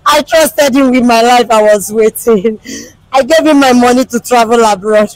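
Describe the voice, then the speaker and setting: A woman's voice: a little high, normal speed, no room sound, lightly acted, poor audio. An actress playing a jilted woman who paid for her lover to go abroad, pleading and wailing, in an outdoor skit drama. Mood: grieving. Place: outdoor compound.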